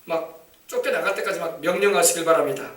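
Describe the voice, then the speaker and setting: A man preaching a sermon, emphatic and shouting commands at demons, often asking the congregation for replies. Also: fairly high pitch, fast talker. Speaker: pastor. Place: church sanctuary. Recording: echoey church, mic from a distance.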